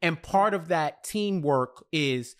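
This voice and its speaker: An American man in his thirties co-hosts a casual TV recap podcast from a small indoor home studio, speaking close into a large podcast mic. His voice is on the high side, expressive and slow, and he's emphatic, repeating phrases as he builds his point.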